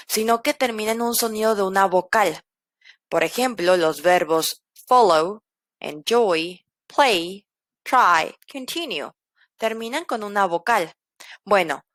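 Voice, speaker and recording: A woman teaching English pronunciation, slowly repeating each example word for learners. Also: medium pitch, a bit bright, dry recording. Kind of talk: language lesson.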